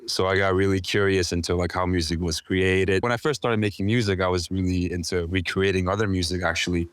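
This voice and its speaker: Low-voiced Icelandic-born man in his twenties. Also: brisk, clean tone, no echo. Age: 20s. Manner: relaxed, rambling, many fillers. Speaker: music producer guest. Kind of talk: casual interview chat.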